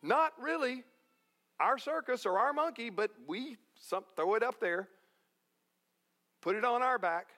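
Slow, animated folksy male preacher. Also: very high-pitched. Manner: folksy, jokey, emphatic repetition. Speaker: pastor. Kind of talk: sermon.

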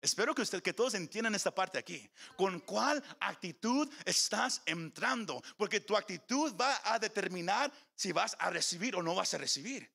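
A man's voice: high-pitched, expressive, normal speed, vocal fry, hardly any pauses, bright, forceful tone. A man preaching a sermon in a church, calling on the congregation and slipping into English phrases. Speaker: pastor. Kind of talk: bilingual sermon.

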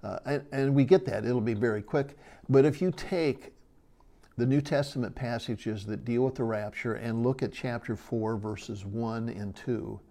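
A man gives a sermon-style Bible lesson in a mellow, dark-toned voice. He explains things earnestly, with casual fillers, and slows down to lean on key phrases. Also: mid-range voice. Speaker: Bible teacher.

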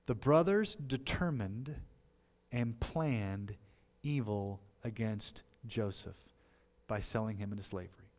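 A male pastor preaching an expository sermon, shifting between loud emphatic points and quiet asides and asking the congregation rhetorical questions. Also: medium pitch. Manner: conversational, explaining scripture with rhetorical questions.

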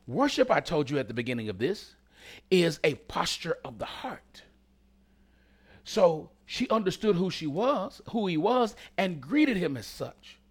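A man preaching a sermon, talking directly to the congregation and swinging between loud calls and hushed whispers. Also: a little high, breathy edge.

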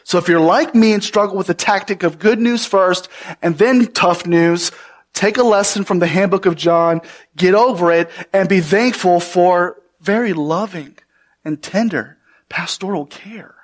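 A man's voice: sits high, measured pace. A man preaching a sermon as pastor, earnest and emphatic, putting rhetorical questions to his congregation.

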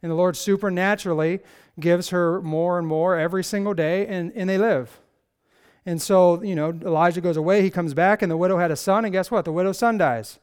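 Guy pastor giving a chatty sermon, high voice, smooth and clear, kinda sarcastic. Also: a little fast. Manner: conversational, sarcastic, animated storytelling with acted quotes. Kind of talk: casual sermon.

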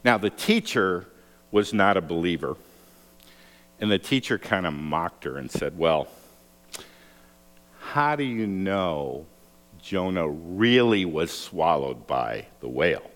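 A man preaching a sermon, telling stories with lively acted-out quotes. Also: takes it slowly, long pauses. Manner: animated storytelling, acts out quotes with raised pitch. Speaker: pastor. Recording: long hall reverb.

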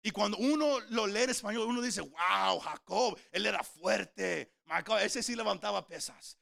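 A man preaching a sermon, emphatic, swinging from shouts to quiet lows and repeating words as he starts phrases. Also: normal speed, creaky. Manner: emphatic, rising to shouts then dropping low. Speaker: pastor.

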